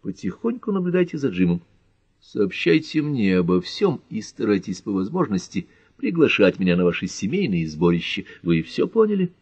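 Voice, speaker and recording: A man voicing a calm, logical male detective in an audiobook, measured and instructive. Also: fairly low pitch, slightly rough, no echo, highs cut off, heavily acted.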